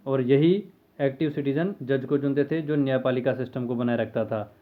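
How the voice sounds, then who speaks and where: A man's voice: mid-range voice, normal speed. Man teaching history over tinny lo-fi audio. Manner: conversational, asks and answers his own questions. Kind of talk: explaining a history lesson.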